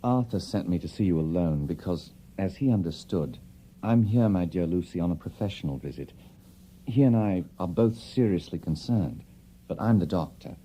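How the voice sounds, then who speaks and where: An actor playing a concerned Victorian male doctor in an audio drama, measured, professional and solicitous. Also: low voice, lively intonation, warm tone. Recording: muffled recording with faint noise.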